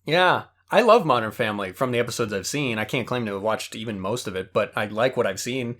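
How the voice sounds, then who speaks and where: Male co-host; teasing, loud in arguments, lively intonation. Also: mid-range voice, fairly quick. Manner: teasing, laughs often, argues loudly. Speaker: podcast co-host. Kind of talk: casual banter.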